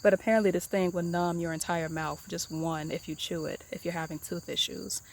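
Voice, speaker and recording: A woman giving a casual tour of her herb garden, talking in a relaxed, rambling way with many ums and repeated words. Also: lowish voice, brisk, a little hiss or hum. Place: outdoor garden. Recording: outdoor recording with crickets chirping behind. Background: crickets and insects.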